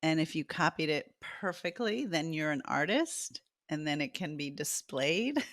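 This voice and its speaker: Easygoing Jersey woman, lowish voice. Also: lively intonation, unhurried, a bit bright, no room sound, clean studio sound. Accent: New Jersey. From US East Coast. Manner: laughs often, easygoing and self-deprecating. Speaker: interview guest, artist. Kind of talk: casual conversation.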